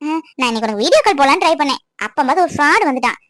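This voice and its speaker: A woman's voice: sits high, very animated, rapid-fire, a bit bright, no echo. A young woman voicing a lonely, tearful girlfriend who complains and pleads with her boyfriend. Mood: wistful.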